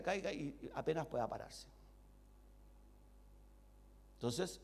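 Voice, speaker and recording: Male pastor teaching a Bible study, high voice with big swings, rhetorical questions to the room. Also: gravelly. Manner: animated, rhetorical questions to the congregation; voices God's replies in a low voice.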